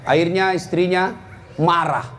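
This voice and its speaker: Male preacher, high voice, comedic storyteller, faint background hiss. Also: measured pace. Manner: animated storytelling with sudden high-pitched punchlines. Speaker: Islamic preacher. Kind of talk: comedic sermon to a congregation.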